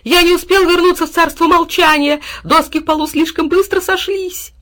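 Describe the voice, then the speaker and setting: A woman voicing an excitable, devoted male dog in a storybook reading. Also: very high voice, moderate pace, pitched above the performer's own voice. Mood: ecstatic. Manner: yelping, overjoyed.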